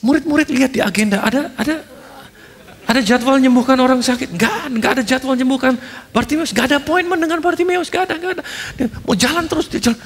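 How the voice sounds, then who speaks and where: A male pastor preaching a sermon in an animated storytelling way, tossing in English phrases and humorous asides. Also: very high-pitched, fast, slightly rough, big-room sound.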